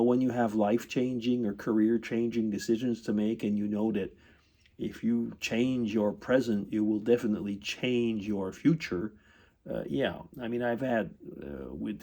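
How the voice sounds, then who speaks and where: An older retired man chatting casually in a vlog, answering tag questions at his computer indoors, halting with frequent ums and throat-clearing. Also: fairly low pitch, dark tone. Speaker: vlogger.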